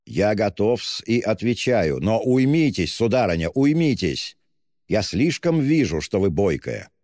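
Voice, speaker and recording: A man's voice: fairly low pitch, very animated, a little slow, a little mellow, clean studio sound, pitched above the performer's own voice. A man voicing a smug, pompous middle-aged official who speaks with cold, reproachful politeness. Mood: flustered. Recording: long hall reverb.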